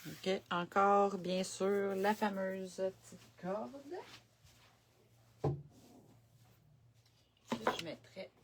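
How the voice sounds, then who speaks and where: A woman's voice: mid-range voice, level tone, extremely slow, long pauses, noisy background. A woman with a Quebec French accent giving a casual live craft demo at her home desk, chatting and thinking aloud as she works. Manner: chatty, thinks aloud while working, many fillers. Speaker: craft demonstrator on a live stream. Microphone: camera set on the desk.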